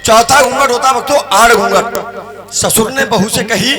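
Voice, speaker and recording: A high-pitched male stage singer and compere at an outdoor village devotional gathering, trading comic tales with the crowd and urging them to clap and chant. His voice comes through a stage mic over a loud live band. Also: unhurried, over loud music. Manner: playful, crowd-rousing, calls for applause and chants. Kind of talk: comic stage storytelling between hymns.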